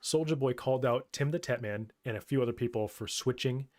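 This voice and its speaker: A man's voice: medium pitch, brisk. Stammering man podcast co-host. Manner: stammering, restarts words often. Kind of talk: casual podcast chat.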